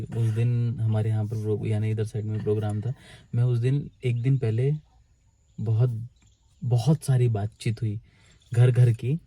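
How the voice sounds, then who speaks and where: A young man talking casually in a family vlog, halting and rambling as he explains. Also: lowish voice, dark tone. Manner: halting, rambling, many restarts. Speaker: vlogger, husband.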